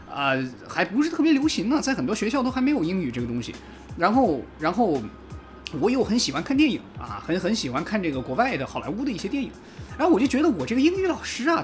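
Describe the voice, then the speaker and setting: Fast, animated man chatting casually. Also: sits high. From China. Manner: animated, fast and chatty, mimics commenters in a raised voice, casual swearing. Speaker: car reviewer. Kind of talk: casual vlog chat.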